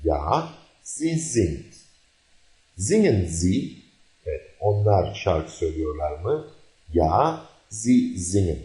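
A man's voice: lowish voice, a little mellow, roomy sound. A man teaching a recorded language lesson, a native Turkish speaker who explains carefully and repeats each example sentence.

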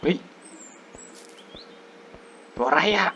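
A young man giving casual, excitable commentary while playing a hunting game, breaking into sudden jumpy exclamations. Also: drawn-out words, muffled recording, slight background noise. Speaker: gaming YouTuber. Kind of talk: casual let's-play commentary.

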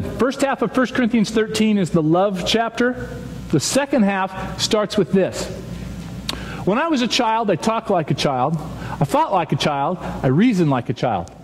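A man in his thirties giving an animated chapel talk to students on a stage, telling stories and acting out quoted voices. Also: high voice. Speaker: youth chapel speaker. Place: large dark auditorium with stage. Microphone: stage microphone, seen from far back. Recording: reverberant hall, faint audience noise.

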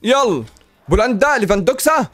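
Egyptian man hosting a gaming channel: high, quick and excitable, chatty with viewers, dry close sound, faint music behind. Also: no room sound. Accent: Egyptian Arabic. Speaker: gaming YouTuber host. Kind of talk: casual gaming commentary while opening packs.

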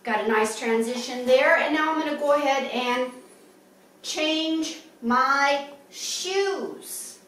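A chatty, upbeat woman in her fifties talks through an outfit in a high voice. She is recorded in her living room from across the room, so the sound is distant and strongly echoey. A faint hiss of room ambience sits under her voice. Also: brisk, few pauses, fairly bright tone. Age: 50s. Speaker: fashion vlogger. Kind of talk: casual show-and-tell.

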